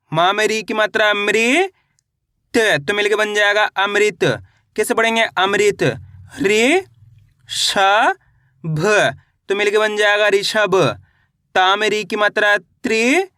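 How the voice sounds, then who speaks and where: A man with a high, bright voice teaches reading, sounding out each syllable slowly and then joining them. He asks the same question again and again and answers it himself. The recording is dry and close, with no room sound. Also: clear, resonant tone, no room sound. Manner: slow syllable-by-syllable spelling with repeated call-and-answer prompts. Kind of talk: scripted phonics lesson.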